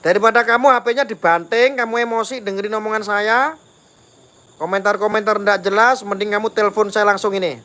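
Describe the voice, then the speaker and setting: High-voiced Javanese man, taunting rant. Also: fairly even intonation, fairly quick, bright, forceful tone. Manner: taunting, repeatedly daring listeners to phone him. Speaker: live-stream host. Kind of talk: live-stream rant to viewers.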